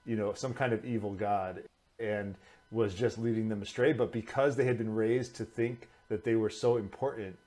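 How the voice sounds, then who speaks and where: Man pitching ideas as co-host. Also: fairly even intonation, normal speed, dark tone. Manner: thinks aloud, pitching ideas. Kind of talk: casual discussion building a tabletop character.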